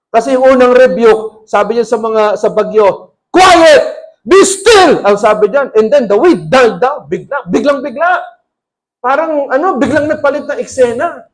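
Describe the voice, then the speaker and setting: A man with a Filipino accent preaching a sermon as pastor, mixing Tagalog and English and acting out quoted lines with a raised voice. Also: very high voice.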